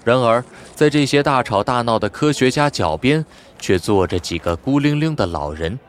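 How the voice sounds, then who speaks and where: A man narrating an audiobook in a scripted, expressive storytelling style. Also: medium pitch, normal speed, slight background noise.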